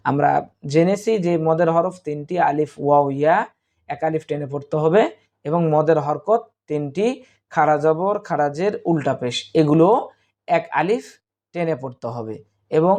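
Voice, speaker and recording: A man teaching Quran reading in Bengali, spelling out letters and vowel marks slowly and repeating syllables for students. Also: a little high, a little mellow. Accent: Bangladeshi Bengali. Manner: slow, drawn-out spelling of letters and vowel marks, then recited Arabic words.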